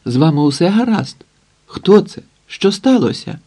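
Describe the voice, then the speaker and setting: A man's voice: sits high, very animated, normal speed, warm tone, pitched above the performer's own voice. A man voicing a sentimental, timid middle-aged accountant who exclaims in a flustered way. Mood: frightened.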